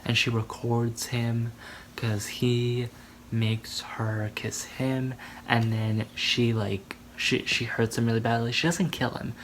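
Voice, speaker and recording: A man in a casual movie recap rambles through the plot with many fillers. His voice is mid-pitched, with faint noise behind it. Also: level tone, slow pace, low-quality recording. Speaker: movie reviewer vlogger.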